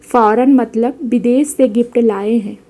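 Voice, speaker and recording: A woman's voice: fairly high pitch, fairly even intonation, unhurried, lightly acted. A woman voicing a young husband who patiently and teasingly corrects his wife. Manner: gently correcting.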